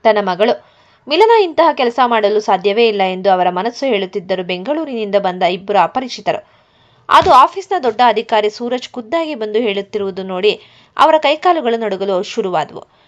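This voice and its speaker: A woman storyteller narrating a scripted family drama in an even, measured reading, in a dull lo-fi recording. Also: mid-range voice.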